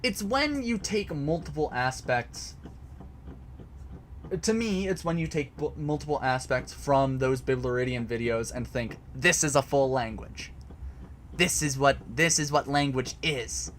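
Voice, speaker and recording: A man with a medium-pitched, slightly bright voice takes his time explaining a topic to a live chat from a home basement recording spot; he's casual and hesitant, with frequent fillers and restarts. A little hiss or hum is audible.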